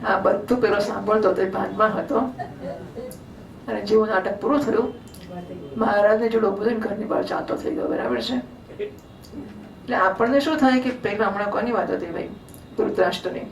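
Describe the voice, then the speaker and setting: This religious storyteller speaks in a mid-range voice at normal speed, leaving long pauses. She delivers a devotional scripture discourse conversationally and often asks the audience questions, while a distant mic picks up a roomy hall's faint ambience.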